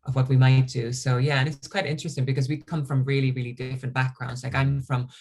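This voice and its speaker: A relaxed, chatty author from Iceland, talking at an easy mid pitch. The conversation is casual and unhurried, carried over a video call. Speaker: author interviewee.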